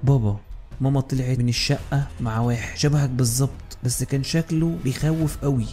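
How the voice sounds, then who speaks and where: A man with an Egyptian accent voicing a frightened, innocent little girl in a horror story, speaking softly. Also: mid-range voice, steady tone, a little fast, soft background music, close to an everyday voice. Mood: scared. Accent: Egyptian Arabic.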